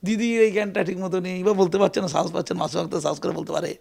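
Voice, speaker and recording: A man giving an animated, emphatic political interview, often repeating his phrases. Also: high voice, racing, vocal fry. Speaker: interview guest.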